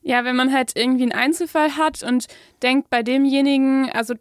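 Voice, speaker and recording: Young female podcast co-host, high voice, easygoing and supportive, recorded dry. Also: brisk, clean tone, no echo. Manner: calm, affirming, short agreeing replies. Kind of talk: casual conversational podcast.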